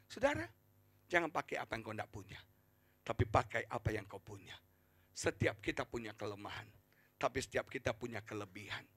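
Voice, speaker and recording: A male pastor preaching a sermon with passion, swinging from shouts to hushed asides and repeating phrases for emphasis. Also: medium pitch, very animated, brisk, breathy edge, dry recording. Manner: impassioned, swings from shouts to near whispers; repeats phrases for emphasis, addresses congregation as "saudara".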